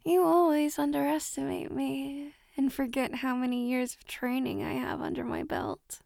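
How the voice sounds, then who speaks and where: A woman voicing a cheeky, insatiable woman in an intimate audio roleplay, talking with breathy, laughing asides. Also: high-pitched, little pitch movement, moderate pace, a little mellow, no echo. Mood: playful.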